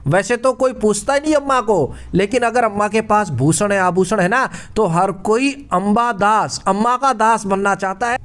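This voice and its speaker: Male quiz teacher, high voice, casual exam-prep patter full of puns and repetition. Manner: playful punning, chatty repetition.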